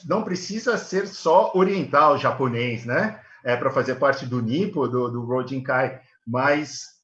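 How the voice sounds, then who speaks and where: A man's voice: medium pitch, unhurried, a bit bright. Guy on a video call, roomy echo, kinda dull sound, lots of um-ing. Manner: hesitant, many fillers, earnest. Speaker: guest, elder care manager. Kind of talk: live video call interview.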